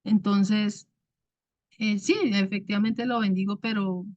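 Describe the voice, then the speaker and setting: A woman giving a casual devotional talk to a women's church group, with many restarts and fillers and a naturally loud way of speaking. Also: medium pitch, flat delivery, unhurried, no echo. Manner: loud speaker by her own account. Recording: dull, dry sound.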